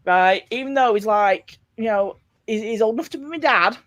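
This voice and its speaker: A woman's voice: fairly high pitch, moderate pace, a bit bright. A woman from near Sheffield, chatting casually and gushing animatedly. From Sheffield area, England. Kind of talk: casual chat.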